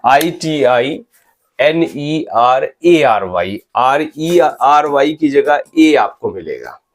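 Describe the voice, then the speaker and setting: A man teaching English spelling, slowly spelling out words letter by letter and checking in with his students. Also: mid-range voice. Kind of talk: spelling lecture in Hindi mixed with English.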